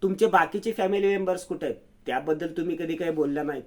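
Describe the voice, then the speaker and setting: An anxious young woman who will not stop asking, her questions urgent and pleading, as a man acts her out. The voice sits slightly high. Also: fast, natural voice. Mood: probing.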